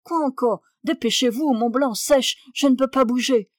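A high-strung, imperious baroness who scolds and exclaims at every turn, as a woman reader puts her on. Her voice pitches up sharply and pushes loud when she is outraged. The reading is close and dry, with no room sound. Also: normal speed, no room sound, lightly acted. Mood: indignant. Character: fussy, imperious aristocratic aunt, a baroness.

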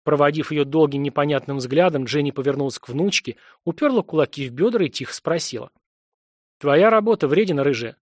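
A man reads a fantasy novel aloud in steady, scripted narration. His voice sits a little above the usual male range. The recording is dry and close, with no room sound. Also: a little high, fast, few pauses, no echo. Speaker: audiobook narrator.

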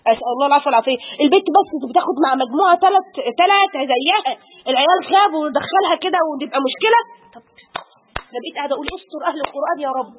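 A middle-aged woman with an Egyptian Arabic accent giving an Islamic lesson, fervent and full of pious exclamations. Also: sits high. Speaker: religious teacher. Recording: tinny phone-like audio.

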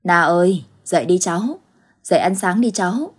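A woman voicing a frail, gentle elderly grandmother in an audio ghost story, with soft, halting speech and a husky voice. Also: lowish voice, lively intonation.

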